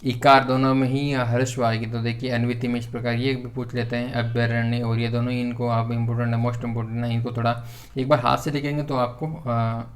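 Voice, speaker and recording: A man's voice: mid-range voice, flat delivery, a little fast. A man with a Hindi accent teaching an exam-prep grammar lesson, hesitant with many fillers and restarts, repeating corrections over and over. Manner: repetitive corrective phrasing.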